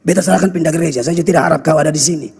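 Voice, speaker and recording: A pastor with a Kupang accent, preaching a blunt, scolding sermon full of local slang. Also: male voice, on the high side, very fast, vocal fry, a little mellow, breathy edge. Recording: reverberant hall with faint music.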